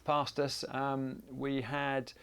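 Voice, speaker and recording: A male camera operator answering questions on a panel, his voice rough with creak. He thinks aloud and fills the gaps with ums while he searches for details. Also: medium pitch, monotone, drawn-out words, fairly bright tone. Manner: thoughtful, searches for words with many ums. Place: event in front of an audience.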